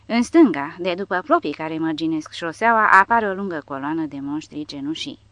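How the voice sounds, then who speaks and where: A woman with a low, deep voice narrates an audiobook in a dramatic reading style. The sound is dry and close, with no room around it. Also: lively intonation, dry recording. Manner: reads dramatically, raising voice for shouted quotes.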